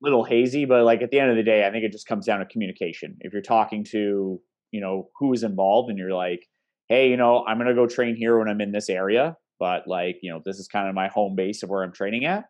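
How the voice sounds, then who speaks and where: A man, a jiu-jitsu instructor, talking casually on a podcast in a loose, animated way. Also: fairly low pitch, fast, muffled recording. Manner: loose, animated, acts out quotes.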